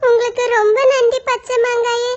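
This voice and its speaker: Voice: very high voice, level tone, moderate pace, muffled recording. A performer voicing a whiny little boy crow in a cartoon story. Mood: pleading. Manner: whiny, childlike. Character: little boy crow, upset runaway child.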